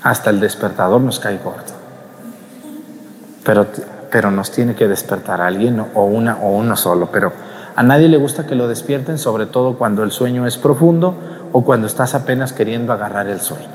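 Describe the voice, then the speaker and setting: A man's voice: lowish voice, moderate pace. A man preaching a homily, talking conversationally, questioning the congregation and acting out scenes. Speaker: priest. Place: church. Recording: long church reverb.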